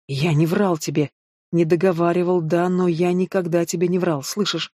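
A man's voice: sits high, flat delivery, moderate pace, dark tone, no room sound, clean studio sound. A man voicing a remorseful grown man pleading with the woman he loves in an audiobook.

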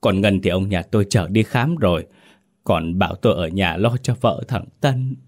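A man's voice: deep voice, normal speed, a little mellow. A man voicing a panicky older village woman who stammers and pleads tearfully. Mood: wailing.

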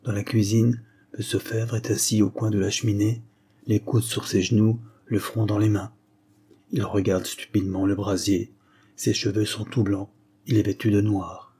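Low, husky male audiobook narrator. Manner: measured, expressive storytelling. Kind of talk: audiobook reading of a classic novella.

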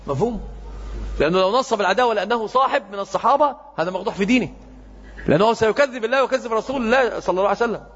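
Man, lecturer, quizzing students, high voice, muffled hall recording. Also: rapid-fire, fairly bright tone, slightly rough. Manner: quizzing students with frequent check questions. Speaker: hadith teacher. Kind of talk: classroom lecture on hadith sciences.

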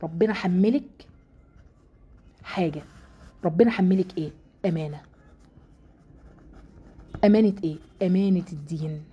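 A woman with an Egyptian Arabic accent giving a religious lesson to women, earnest and emphatic, repeating key words slowly. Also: on the low side, slightly rough, highs cut off. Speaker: Quran teacher.

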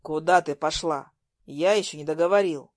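A domineering young man barks orders in a low, stern voice, as a woman puts him on. His tone is cold and commanding and his delivery is loud and forceful. The sound is dry and close. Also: normal speed, dry recording, lightly acted. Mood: cold, threatening.

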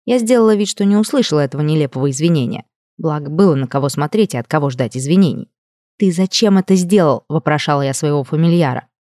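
A woman narrates a first-person audiobook in a low, warm voice. The sound is close and dry. Her storytelling is expressive and emotional. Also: fast, no echo.

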